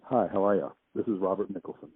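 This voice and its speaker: A man's voice: sits low, fast talker, breathy edge. A man talking on a phone call, laid-back and hesitant, with a patchy, cutting-out line. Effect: heard over a phone line. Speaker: artist taking a phone call.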